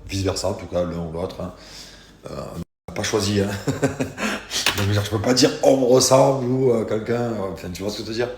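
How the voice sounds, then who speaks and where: A sore, tired man chatting casually in a slangy, animated vlog, telling stories with many restarts. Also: lowish voice, moderate pace, slight background noise. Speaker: vlogger. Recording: echoey room.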